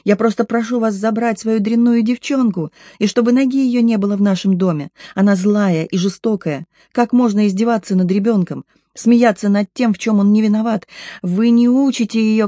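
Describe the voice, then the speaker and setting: Brief: reader as a shrill, trembling, outraged mother in an audiobook, dark tone. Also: brisk, no echo, clean studio sound, close to an everyday voice. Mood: furious. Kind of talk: audiobook reading.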